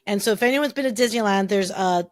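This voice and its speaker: A woman's voice: mid-range voice, quick pace. A middle-aged woman co-hosting a podcast, telling stories in a chatty way with frequent restarts. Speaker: podcast co-host. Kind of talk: casual chat.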